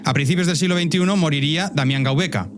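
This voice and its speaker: Fast-talking Spanish man narrating a podcast. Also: fairly high pitch. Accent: Spain. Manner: wry, addresses listeners directly. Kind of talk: scripted narrative storytelling, conversational asides. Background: faint music bed.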